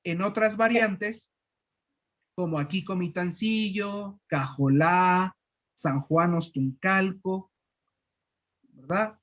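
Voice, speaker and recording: Un profesor de Guatemala que enseña pronunciación con calma, repitiendo sílabas despacio. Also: mid-range voice, muffled recording. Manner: patient, repeats syllables slowly. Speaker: language teacher. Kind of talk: slow pronunciation lesson.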